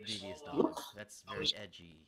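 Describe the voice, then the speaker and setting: A man hosting a casual livestream, blunt and crude, often repeating his words as he restarts sentences. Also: moderate pace. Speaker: livestream host.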